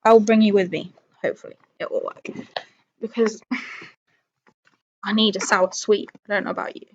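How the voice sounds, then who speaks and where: A woman's voice: medium pitch, steady tone, normal speed, lo-fi sound, a little hiss or hum. A woman hosting a live stream with casual, rambling chat to viewers, thinking aloud and often talking herself round. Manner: rambling, thinking aloud, changes own mind.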